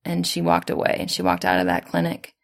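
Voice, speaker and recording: A woman's voice: on the low side, completely flat delivery, brisk, creaky. A young woman interviewer telling a personal story in a chatty way, acting out her own thoughts in quotes. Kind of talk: casual storytelling in conversation.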